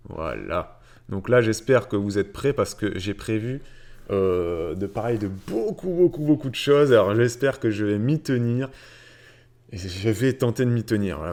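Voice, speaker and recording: A man's voice: on the low side, gravelly, a little mellow. A man hosting a casual personal finance livestream, greeting viewers by name and chatting with many fillers and repeated words. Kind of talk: casual livestream chat reading viewer comments.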